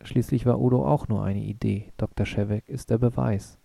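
Young woman rebel voiced by a male narrator; quiet, intense, flat, dry. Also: mid-range voice, normal speed, gravelly, dry recording. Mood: defiant. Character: defiant young woman revolutionary.

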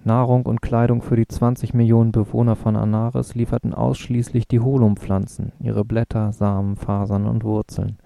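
A man reading a novel aloud in a steady, even manner. His voice is low, deeply dark and mellow, with a gravelly grain, recorded close and dry. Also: normal speed, hardly any pauses, dry recording. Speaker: narrator. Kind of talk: audiobook reading.

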